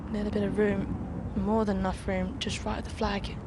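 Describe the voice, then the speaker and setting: A woman gives on-course golf commentary in a flat, even voice of average pitch. Loud outdoor ambient noise surrounds her. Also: moderate pace.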